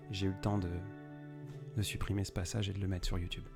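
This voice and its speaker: Talking fast over music, a young poet hosting a live stream improvises and rambles, replying directly to viewers by name. His low voice is flat in delivery, with vocal fry.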